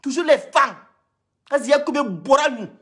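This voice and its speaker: A woman's voice: sits high, lively intonation, normal speed, a bit bright. A woman from Gabon, scolding and lecturing her viewers in a heated, repetitive live-stream rant.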